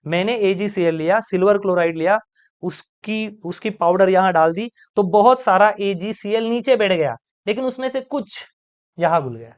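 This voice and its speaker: Playful man teaching chemistry. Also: sits high. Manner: playful, asks the class quick questions and answers them. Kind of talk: chemistry lecture.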